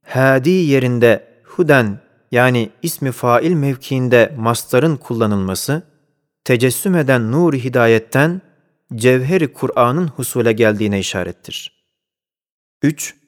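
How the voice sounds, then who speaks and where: A man reading a scholarly religious commentary aloud, measured and deliberate, reciting Arabic phrases within the text. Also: medium pitch. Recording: long hall reverb.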